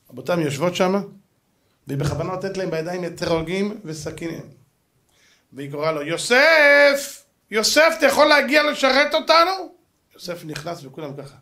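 High-voiced rabbi, wildly animated. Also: male voice. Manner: dramatic storytelling, acts out characters with swings of pitch and loudness; slangy, colloquial street Hebrew. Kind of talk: animated Torah lesson.

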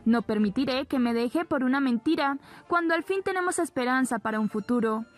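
A woman's voice: sits high, expressive, brisk. A woman reading the lines of a young woman pleading for her love in an earnest, slightly raised voice.

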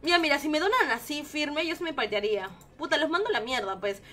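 A woman's voice: sits high, expressive, fast talker, bright, forceful tone. A woman streaming live, reacting to viewer videos in an emotional, swearing, affectionate way. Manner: emotional, swears often, calls viewers "baby" and "king". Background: faint children's music.

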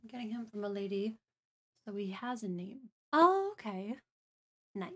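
A woman's voice: mid-range voice, expressive, moderate pace, pushed and bright. A woman co-hosting a live stream, chatting casually and reading viewer messages aloud. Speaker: streamer co-host.

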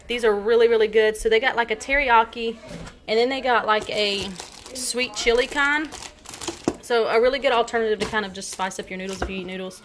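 In her kitchen at home, a woman in her thirties films a casual grocery haul on a handheld phone, chatting and listing items with frequent ums and likes. Her voice sits on the high side with fairly even intonation and a slightly fast pace, against a noisy background.

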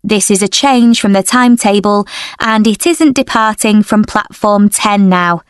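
An actress playing a polite station announcer, giving a formal, measured railway announcement for a listening exercise. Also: female voice, medium pitch, clear, resonant tone, dry recording, clean studio sound, close to an everyday voice. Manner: formal, measured public-address delivery.

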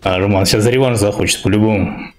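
A young adult man commentates his own gameplay casually in short, slangy, muttered reactions. His voice is on the low side and darkish, with a quick pace, and faint game music plays in the background.

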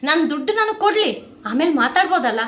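A woman with a high voice vents to her viewers at home, indignant and wounded, close to tears. The home recording is roomy and echoing. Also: sing-song, a little fast, a bit bright. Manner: aggrieved, indignant venting to viewers. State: near tears. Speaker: family vlogger. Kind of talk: emotional talk to camera.

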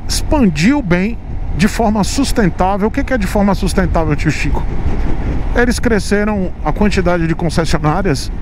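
A Brazilian man with a fairly high voice talks casually while riding a motorcycle on the highway. He poses rhetorical questions and answers them himself. Road and wind noise sit clearly behind his helmet-mic voice. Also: animated, moderate pace. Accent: Brazilian Portuguese. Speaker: motovlogger.

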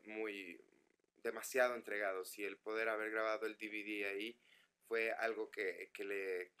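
A man with a northern Mexican accent chats casually with fans on a live webcam stream, stumbling over his words as he reads their messages aloud. His lowish voice is bright, forceful and clean, picked up by a computer microphone.

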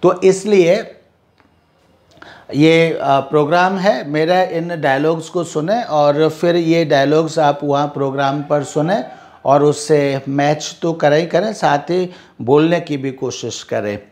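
A man with an Indian English accent teaching a spoken English lesson, mixing Hindi explanation with slow repeated drilling of phrases. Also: on the high side, darkish tone.

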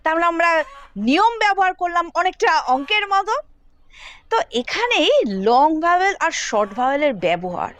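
A woman's voice: very high-pitched, sing-song, normal speed, a bit bright, no echo. A woman with a Bengali accent teaching children English spelling, patiently sounding out words step by step. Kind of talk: explaining spelling rules to children.

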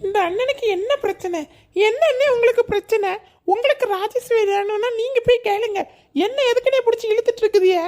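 A lovesick young man in a cartoon sobs and wails over his lost love, as a woman voices him. He speaks with a Kanyakumari Tamil accent. His voice sits very high. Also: brisk, a little mellow. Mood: irritated. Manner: sobbing, self-pitying wails. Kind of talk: cartoon voice acting.

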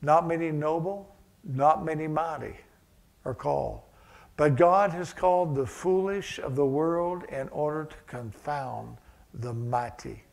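A man's voice: on the high side, unhurried, creaky, darkish tone. A male pastor preaching a sermon, mixing conversational asides with rising, emphatic passages.

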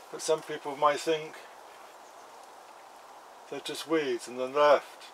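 Touring his outdoor allotment and polytunnel, the gardening channel host, a man in his fifties, crouches by the beds and chats in a plain, casual manner. His voice is mid-range. The audio is poor, with a little hiss or hum plus faint insects and outdoor ambience.

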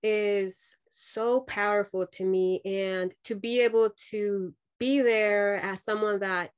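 Her voice is smooth, mid-range and steady, and she takes her time. She's a Mexican nurse-midwife in her thirties, a guest on a laptop video call from a home room with a dark sofa, reflecting earnestly amid frequent fillers and restarts.

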